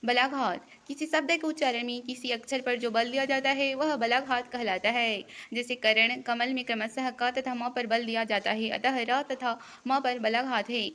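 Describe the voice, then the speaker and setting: A woman teaching an exam-prep lesson, reading each definition aloud in a slow, even teaching cadence. Her voice sits a little high and sounds bright and clear. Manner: reads definitions in a steady, deliberate teaching cadence.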